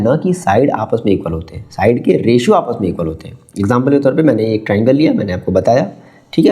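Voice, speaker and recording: Speaking in a warm, mid-range voice, a man teaches geometry one step at a time while putting questions to his class. His explanations mix Hindi with English terminology.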